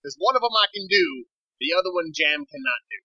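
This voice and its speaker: High, intense female gear dealer, bossy, brash, lo-fi sound. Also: lively intonation, a little fast, no room sound. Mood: brassy. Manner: bossy, calls people child, shouts at kid.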